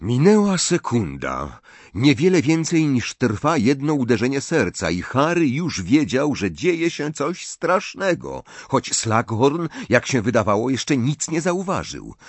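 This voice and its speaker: A man narrating an audiobook in an expressive storytelling reading. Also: mid-range voice, a little slow, dry recording.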